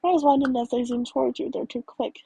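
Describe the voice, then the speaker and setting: A woman reading a second-person fan story aloud in a high, husky voice. Her delivery is casual, with small stumbles and self-corrections along the way. The tone is mellow and the recording is close and dry. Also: steady tone, a little fast, dry recording, rough recording. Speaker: story narrator.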